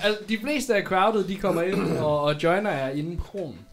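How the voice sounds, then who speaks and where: A man running a tabletop game as game master, narrating the scene and voicing shouting townsfolk. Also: high-pitched, gravelly. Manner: lively narrator who voices shouting townsfolk.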